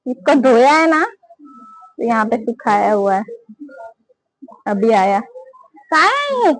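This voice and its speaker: A woman's voice: fairly high pitch, expressive, slow, low-quality recording. A young woman, chatting casually to her phone camera at home for a family vlog. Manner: chatty, talks to her pet and family in between. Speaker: family vlogger.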